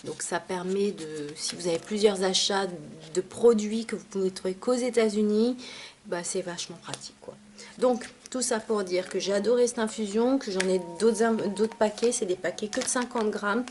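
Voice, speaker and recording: A woman's voice: mid-range voice, normal speed, darkish tone, a little hiss or hum. Chatty woman reviewing teas. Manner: chatty, many fillers and asides. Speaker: tea vlogger. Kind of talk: casual product review.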